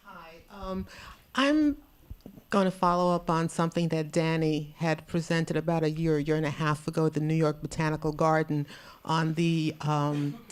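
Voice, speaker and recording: A woman's voice: deep voice, fairly even intonation, moderate pace. A woman in the audience sharing a rambling personal comment at a conference, with light laughs. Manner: meandering, chatty, laughs lightly. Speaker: audience member. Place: conference hall.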